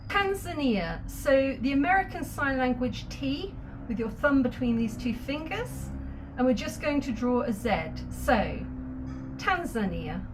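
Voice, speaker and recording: A woman gives a patient, step-by-step sign language lesson, pausing to add small asides. Her pace is slow and deliberate. A faint hiss of noise sits under the recording. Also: sits high, big pitch swings. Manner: patient, step-by-step explanations with light laughs. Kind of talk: instructional video lesson.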